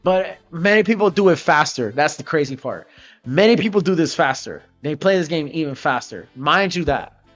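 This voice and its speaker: A male streamer talks at normal speed in a slightly high voice with lively intonation, muttering and repeating phrases as he reacts to gameplay in a casual livestream. Loud music plays behind him, and the audio is lo-fi.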